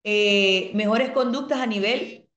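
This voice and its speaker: A woman teaching an online class at an even, middling pitch. She explains calmly and reads out her students' comments. The room sounds echoey. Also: slow pace, lo-fi sound. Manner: asks the class rhetorical questions.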